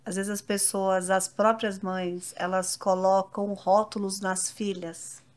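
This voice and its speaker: A woman hosting a casual faith chat, telling personal anecdotes with animated retelling. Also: mid-range voice, slow pace.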